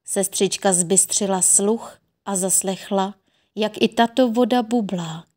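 A woman reads a fairy tale aloud for an audiobook. Her delivery is gentle and expressive, with a mid-range voice. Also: medium pitch. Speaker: narrator.

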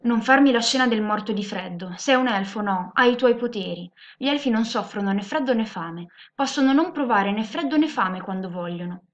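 A woman's voice: fairly high pitch, lively intonation, moderate pace, hardly any pauses, lightly acted. A woman voicing a stern, irritable human woman who speaks in a dry, commanding way. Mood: exasperated. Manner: curt and commanding. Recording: muffled lo-fi recording.

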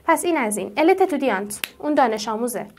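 A woman teaching French who draws out each French word slowly and asks her students questions. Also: on the high side, animated, a little mellow, a little hiss or hum. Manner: slow, drawn-out pronunciation of French words; explains patiently and asks the class questions. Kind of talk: classroom-style language lesson.

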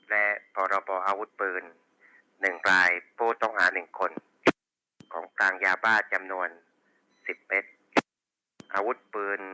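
Over a walkie talkie, a man with a low, very sharp and bright voice runs a police radio roll call. He is crisp and procedural, repeating call signs and reports as a dispatcher. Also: low-quality recording. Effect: two-way radio.

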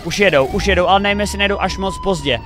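Young male reaction host, excitable commentary, bright tone. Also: high voice. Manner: excitable, thinking aloud, cheering the players on. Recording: faint music behind the voice.

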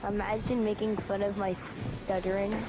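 A man's voice: high-pitched, level tone, normal speed, a little mellow, faint music behind. A teenage boy on a gaming party chat, goofy and trash-talking with nonsense jokes. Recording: roomy voice chat with noise behind.

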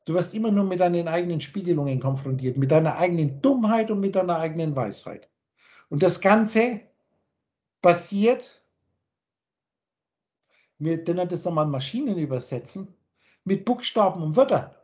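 A man's voice: high voice, expressive, normal speed, pauses often, darkish tone. A man, a spiritual teacher, giving a long philosophical monologue on a video call, insistent and full of rhetorical questions. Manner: insistent, repeats points and asks rhetorical questions.

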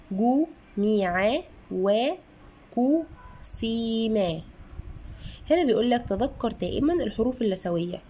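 A woman in her thirties with an Egyptian Arabic accent, a mother chatting earnestly through a casual book review and sometimes sounding out syllables slowly. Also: fairly high pitch, warm tone, a little hiss or hum. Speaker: mother reviewing children's books.

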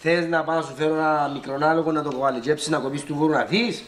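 A man with a Cypriot accent in sitcom dialogue, excitable and blustering. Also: a little high, echoey room, a little hiss or hum. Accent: Cypriot Greek. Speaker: sitcom actor.

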